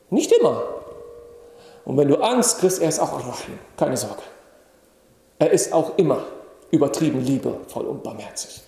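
A man with a slightly high voice gives a religious lecture. He explains patiently and asks his listeners questions. The recording rings with long reverb from a large hall. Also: creaky, mellow. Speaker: preacher.

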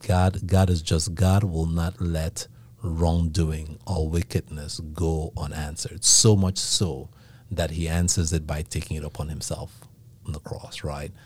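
A man's voice: a bass voice, little pitch movement, a little slow, a little mellow, slightly rough. A man with a Nigerian accent co-hosting a casual faith discussion, teaching reflectively and often checking in with "right?".

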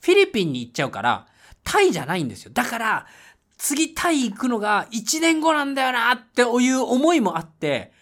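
A man host telling a casual travel story, laughing often and breaking into loud English shouts when he reenacts moments. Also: very high voice, wildly swooping pitch, a little fast. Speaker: podcast host. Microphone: home mic voice message.

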